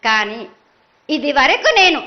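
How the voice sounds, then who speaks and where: A woman's voice: sits high, animated, slow pace. A woman with a Telangana accent speaking in a prophetic trance as an oracle, imperious like a mother goddess, in short chanted bursts. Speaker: oracle delivering the yearly festival prophecy as the goddess. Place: live temple festival ceremony. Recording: dull, band-limited live event sound.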